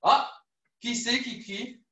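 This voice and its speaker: A woman leading a children's judo class, coaxing and repeating each instruction in a lively way. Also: fairly high pitch, takes it slowly, highs cut off. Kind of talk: live online kids' class, story-led exercises. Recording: echoey room, far from the mic.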